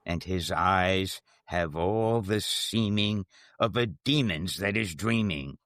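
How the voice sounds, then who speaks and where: Slow, low-voiced man reading gothic verse. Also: fairly bright tone, no echo, studio quality. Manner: measured, solemn, with dramatic pauses. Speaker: podcast host reading a poem.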